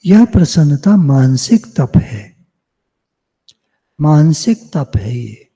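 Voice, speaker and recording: Slow, husky-voiced man giving a devotional discourse. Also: a little high, warm tone, big-room sound. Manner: measured teaching, repeats phrases, asks and answers own questions. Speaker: spiritual teacher. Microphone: video call.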